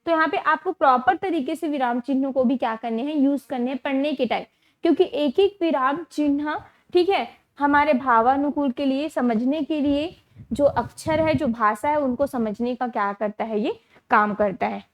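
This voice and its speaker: A woman teacher with a high voice delivers an exam-prep lecture. She repeats key terms slowly and checks understanding through rhetorical questions.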